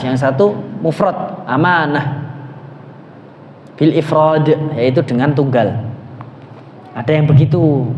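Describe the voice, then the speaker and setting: A man teaching a mosque study class, explaining casually and slowing down to recite Quranic phrases. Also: a little high, highs cut off, a little hiss or hum. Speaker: religious teacher. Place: mosque hall. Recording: echoey hall, faint ambience.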